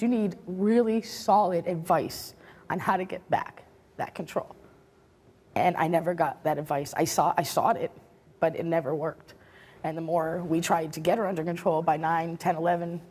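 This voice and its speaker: A woman's voice: lowish voice, fairly even intonation, normal speed, darkish tone, husky. A middle-aged woman speaking as a guest on a talk show, earnest and regretful, turning defensive when challenged. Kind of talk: emotional talk show testimony.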